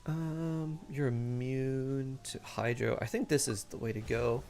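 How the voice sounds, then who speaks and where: A man's voice: mid-range voice, fairly even intonation, a little slow, vocal fry, a little mellow, slight background noise. A man streaming a game casually, thinking aloud and chatting to viewers, with playful sing-song sound effects.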